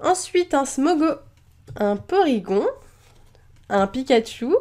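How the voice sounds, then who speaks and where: High-voiced hesitant young woman. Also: slow pace. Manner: hesitant, many fillers, chatty and excitable. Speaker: YouTuber opening trading cards. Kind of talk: casual card-opening commentary.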